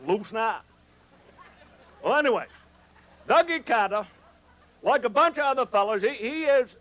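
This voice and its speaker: A man's voice: sits high, a bit bright, dull audio. A man from Maine with a Maine accent, telling comic stories live in a folksy rustic dialect and teasing his audience. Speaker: humorist telling stories on stage. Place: on stage before an audience.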